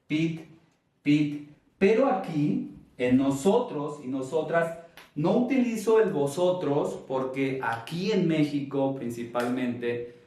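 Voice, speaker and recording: A man with a Mexican accent teaching a Spanish grammar lesson, speaking deliberately and stressing syllables to demonstrate them. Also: mid-range voice, mellow. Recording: very echoey room, from far off.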